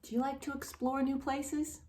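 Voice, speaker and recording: A children's storyteller and channel host with a high voice reads a picture story aloud to young kids at normal speed. Playful and expressive, she asks the child questions directly and reacts with exaggeration.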